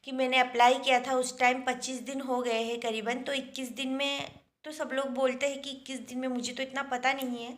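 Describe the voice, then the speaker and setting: Young woman, high pitch, casual rambling vlogger talking at home. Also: flat delivery, brisk. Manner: chatty, rambling, many fillers. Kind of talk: casual daily vlog.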